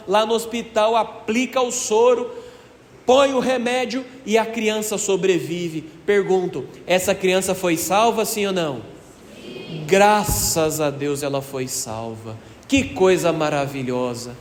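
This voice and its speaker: A man's voice: high-pitched, a little slow. A male priest preaching a sermon in a folksy storytelling way, asking the congregation questions. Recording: echoey hall reverb, faint ambience.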